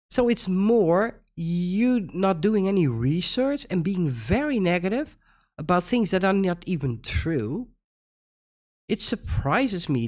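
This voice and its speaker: A woman's voice: on the low side, darkish tone. A Dutch woman hosting a casual reaction video, talking with frequent laughter and incredulous rhetorical questions. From Netherlands. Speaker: reaction channel host.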